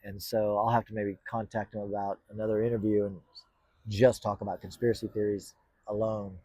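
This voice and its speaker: Speaking in a lowish, dark-toned voice with little pitch movement, this man talks fairly quickly and with no echo. A podcast host on his own channel, he addresses the camera casually in vlog style, rambling and hesitating with plenty of fillers and restarts.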